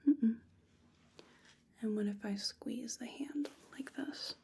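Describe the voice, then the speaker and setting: A woman in a whispered ASMR role-play as a clinician, speaking in a breathy, unvoiced whisper with a soft, soothing, clinical delivery. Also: on the high side, unhurried, slight background noise. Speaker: clinician giving a physical exam.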